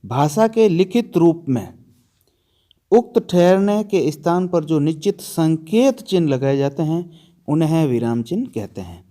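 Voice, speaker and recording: A man's voice: on the high side, sing-song, measured pace, mellow. A man teaching a grammar lesson for an exam, asking his students questions and answering them himself, stressing and repeating the key terms.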